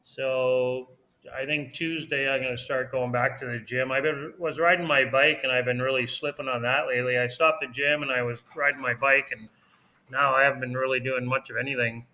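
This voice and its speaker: A man co-hosting a casual livestream chat from his home, talkative and quick to laugh. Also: medium pitch, steady tone, bright, forceful tone. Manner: chatty, laughs often. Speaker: livestream co-host. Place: home in Mexico.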